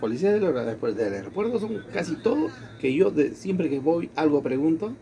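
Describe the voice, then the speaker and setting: A man's voice: a little high, fairly quick. A man from Latin America casually telling a personal story, acting out the quoted dialogue. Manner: animated, acts out quoted dialogue. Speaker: storyteller in conversation.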